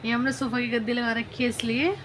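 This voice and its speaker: A woman's voice: flat delivery, fairly quick, slight background noise, low-quality recording. A woman, chatting casually to viewers in a family vlog and cooing at her baby. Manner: chatty, talks to viewers and coos at her baby in a high sing-song. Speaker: family vlogger. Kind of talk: casual home vlog talk. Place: home kitchen and living room.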